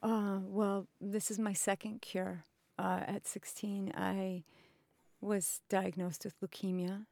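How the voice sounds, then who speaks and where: A woman in her fifties speaks slowly and haltingly, pausing often as she answers questions. Her voice carries a gravelly texture. The sound is close and dry, with no room echo. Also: medium pitch, level tone, darkish tone. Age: 50s. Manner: slow and halting, many pauses and fillers. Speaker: patient advocate. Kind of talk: recorded interview. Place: indoors, cultural center.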